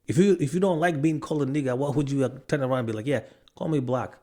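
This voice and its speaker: This video commentator from Africa argues hard in a ranting monologue to camera, one rhetorical question after another, with pauses to check notes and some restarts. His pitch is medium and his tone a little mellow, and he talks quickly.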